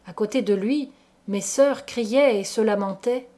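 A woman narrating a gothic tale aloud in a slow, measured, dramatic reading. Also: a little high, dark tone. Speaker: audiobook reader. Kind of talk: literary audiobook narration.

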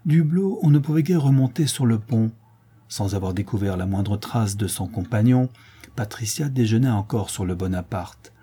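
Low, husky male audiobook narrator. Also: lively intonation, moderate pace, mellow. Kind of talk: audiobook reading.

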